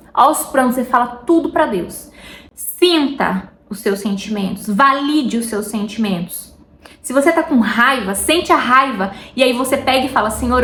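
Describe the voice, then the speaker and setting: A woman with a Brazilian Portuguese accent talks in a slightly high voice, chatty and heartfelt, as she addresses viewers intimately in a casual faith vlog. She often drifts off topic mid-thought. The room gives her voice a clear echo, with faint noise behind it. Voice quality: warm, intimate, talks directly to viewers as "meu amor". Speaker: vlogger.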